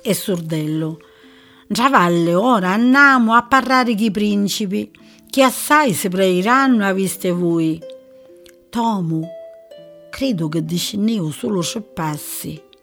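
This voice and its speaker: A woman with a Sicilian accent reads verse aloud in an expressive, measured way. Her pace is slow and unhurried. Soft music plays faintly underneath her voice. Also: medium pitch. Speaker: reader. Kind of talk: dramatic reading of verse.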